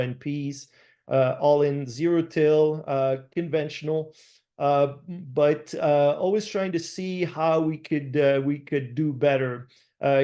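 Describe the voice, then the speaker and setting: Halting middle-aged French-accented man. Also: fairly high pitch, a little mellow. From France. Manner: halting, many "uh" fillers and restarts. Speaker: farmer presenting a webinar. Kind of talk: online presentation with slides. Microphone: video call webcam.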